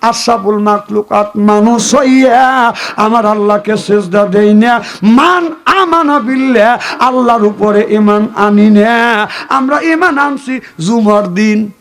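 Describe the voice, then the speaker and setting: A man from Bangladesh preaching a waz sermon, telling a story in a sing-song style with sudden high exclamations and calls for the crowd to respond. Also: slow, fairly bright tone.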